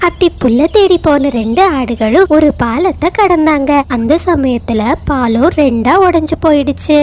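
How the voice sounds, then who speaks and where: A woman with a high voice tells a children's fable at an even, steady storytelling pace. A faint hiss sits under her voice. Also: normal speed. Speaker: narrator. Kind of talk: storybook narration.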